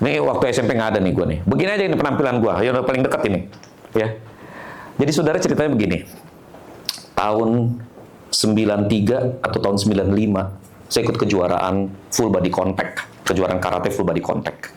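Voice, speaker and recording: A man, a pastor telling a humorous story in an animated sermon. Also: fairly low pitch, a little fast.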